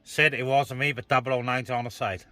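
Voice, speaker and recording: Through heavy CB radio hiss and static, a man with a steady, mid-range voice chats casually and a little fast. He is a CB operator hosting a net, running an open call for other stations.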